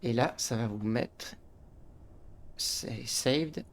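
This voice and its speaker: Gaming channel host, male, talks a player through a game step by step, slow and gravelly. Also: medium pitch, a little hiss or hum. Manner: step-by-step explaining, frequent "hop" and restarts. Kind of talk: game tutorial commentary.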